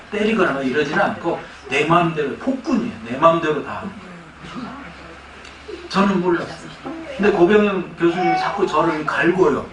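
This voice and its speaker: A man's voice: on the high side, noisy background. Man preaching in an echoey church. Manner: animated storytelling with laughter. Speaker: pastor. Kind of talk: sermon. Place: church sanctuary. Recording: echoey church hall from far off.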